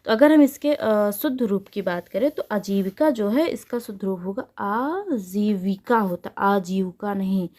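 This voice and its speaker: A woman's voice: medium pitch, animated, moderate pace, hardly any pauses, mellow. Woman, exam-prep tutor, explains step by step, repeats key answers, poses rhetorical questions. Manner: repeats answers, asks and answers her own questions. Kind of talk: explanatory online lesson.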